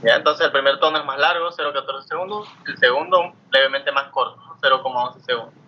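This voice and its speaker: A fast-talking man with a mid-range voice teaches a class, walking through ideas step by step and often questioning his students, frequently tagging on "¿no?". The muffled lo-fi mic picks up faint noise.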